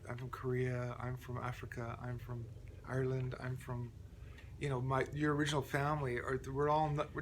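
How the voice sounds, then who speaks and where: A man hosting his own channel, talking in a loose, rambling monologue full of restarts and fillers, often clearing his throat. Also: medium pitch, fairly bright tone, a little hiss or hum. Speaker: channel host. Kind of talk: casual monologue.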